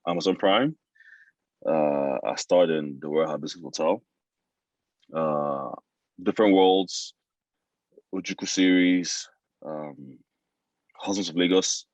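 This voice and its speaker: A man introduces himself in a very deep voice. He halts often and fills pauses with ums and uhs. The recording is dry and a little dull. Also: darkish tone, dry recording. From Nigeria. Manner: halting, many fillers. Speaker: actor and producer. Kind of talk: self-introduction.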